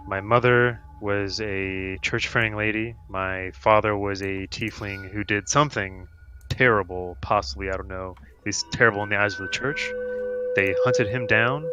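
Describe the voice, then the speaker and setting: Polite, somewhat low-voiced young man. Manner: polite, a little unsure. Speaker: player. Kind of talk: casual tabletop play.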